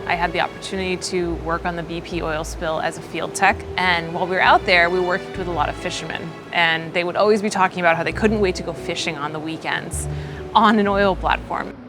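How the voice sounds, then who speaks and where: Low-voiced woman over prominent music. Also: fairly even intonation, fairly quick. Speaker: marine environmental consultant. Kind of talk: documentary interview. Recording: prominent music bed under speech.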